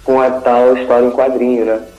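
A man's voice: medium pitch, level tone, moderate pace, dark tone, soft background music, low-quality recording. A Brazilian man on a podcast, giving blunt, dismissive opinions in casual chat. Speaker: podcast co-host.

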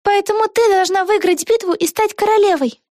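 A woman's voice: very high voice, a little fast, darkish tone, no room sound, clean studio sound, pitched above the performer's own voice. A woman voicing a young girl witch who insistently urges her best friend on, as in a storybook read aloud. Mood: urging. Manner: insistent, encouraging.

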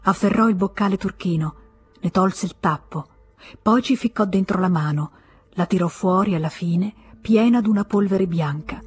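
Brief: husky female audiobook narrator, measured and dramatic, faint music underneath. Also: mid-range voice. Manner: measured, slow dramatic reading. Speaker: audiobook reader.

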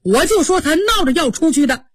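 A woman voicing a gentle young man, a wounded young master speaking sternly. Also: sits high, expressive, a little fast, no echo, pitched above the performer's own voice. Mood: aggrieved.

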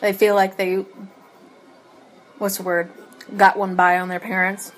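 A woman chatting loosely on a podcast, walking through an episode scene by scene. She laughs often and leans on um and so on. Her pitch sits in the middle for a woman. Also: flat delivery, a little slow, slight background noise. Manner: laughs often, many ums and restarts; eating while talking. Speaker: podcast co-host recapping a TV episode. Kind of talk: casual chat.

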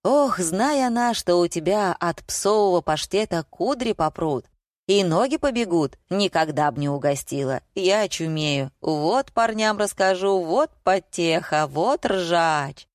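A woman's voice: lowish voice, expressive, unhurried, no room sound, clean studio sound. A woman reading an audiobook voices a cheerful male police partner who teases and laughs at his colleague. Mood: teasing. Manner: teasing, giggly.

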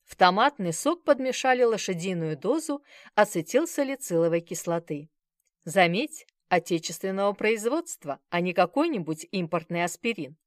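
A woman's voice: medium pitch, animated, moderate pace, dry recording, clean studio sound, lightly acted. A woman reading the part of a joking, reassuring male police friend in an audiobook. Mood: bantering.

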